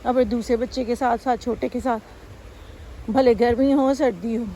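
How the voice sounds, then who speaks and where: Woman, casual walking vlog, phone mic outdoors, slightly high voice, light background noise. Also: steady tone, moderate pace, warm tone, low-quality recording. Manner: chatty, breathing hard while walking uphill. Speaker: vlogger. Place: outdoors in a German village.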